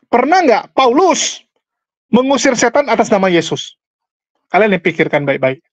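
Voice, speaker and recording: A man's voice: high voice, very animated, normal speed, no echo. A man giving argumentative online commentary on a religious dispute, talking straight to his audience and pressing them with rhetorical questions. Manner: combative, fires rhetorical questions at listeners; addresses the audience directly and repeatedly. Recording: dull lo-fi, dry close sound.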